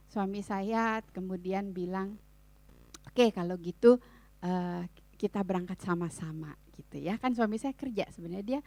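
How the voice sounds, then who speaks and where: Middle-aged woman, fairly high voice, dry close sound, chatty church seminar talk, playful humor. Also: fairly bright tone, no room sound. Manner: chatty, addresses the audience often, colloquial fillers. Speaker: family seminar speaker.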